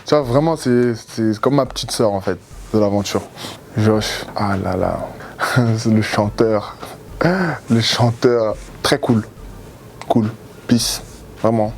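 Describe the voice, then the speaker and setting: A young man from Cameroon, a former reality show contestant, answering interview questions in a relaxed, rambling way with many fillers and repeated words. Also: fairly low pitch, takes it slowly, gravelly, pauses often, a little hiss or hum.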